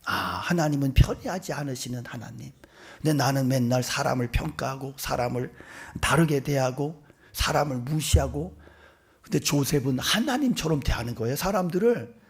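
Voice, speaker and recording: A middle-aged male pastor preaching a sermon, telling stories with acted-out voices that swing from whispers to loud bursts. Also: mid-range voice, moderate pace, breathy edge. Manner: animated storytelling, acting out voices, swinging between whispers and loud outbursts. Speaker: senior pastor.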